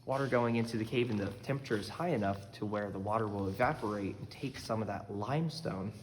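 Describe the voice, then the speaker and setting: A man's voice: fairly low pitch, quick pace. Man guiding a tour in an echoing cave. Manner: explains formations step by step, accommodating. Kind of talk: guided tour commentary with informal asides. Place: inside a cave. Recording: very echoey cave, long reverb, clear background noise.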